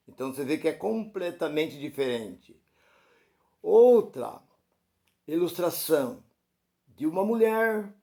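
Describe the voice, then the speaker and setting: A man from Brazil preaching a sermon, telling illustrative stories and voicing the quoted dialogue with shifts between loud and soft. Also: fairly high pitch, gravelly.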